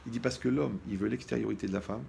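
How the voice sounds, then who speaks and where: A man preaching as a rabbi, lively and joking, talking straight to the listener and acting out little scenes. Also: fairly low pitch, fast talker, gravelly, a little hiss or hum. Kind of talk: humorous sermon on marriage.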